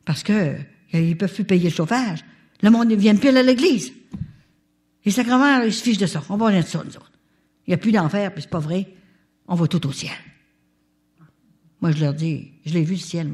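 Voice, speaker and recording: An older woman with a Canadian French accent, telling a testimony at a religious retreat in an animated way and turning often to her listeners. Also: lowish voice, brisk, pauses often. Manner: animated, talks straight to the audience. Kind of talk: testimony storytelling.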